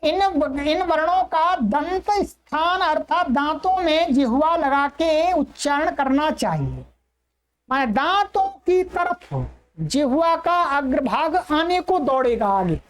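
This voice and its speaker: Slow, high-voiced woman teaching a class. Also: expressive. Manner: patient, repeats sounds slowly for learners. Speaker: Sanskrit teacher. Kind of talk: online class lesson.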